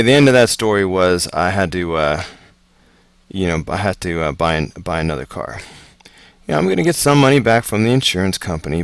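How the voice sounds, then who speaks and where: A man teaching math homework, talking through word problems in a relaxed, chatty way with asides. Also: deep voice, gravelly, no room sound. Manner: relaxed, chatty, slow and deliberate. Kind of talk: casual homework walkthrough.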